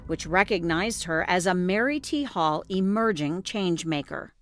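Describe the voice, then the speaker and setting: A woman reporter giving scripted news narration in a measured, clear way. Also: on the low side, expressive, fairly bright tone, soft background music.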